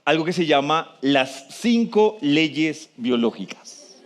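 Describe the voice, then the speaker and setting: Man giving a lively talk. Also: on the high side, slight background noise. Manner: conversational, asks the audience questions; slows down for emphasis. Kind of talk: live talk to an audience.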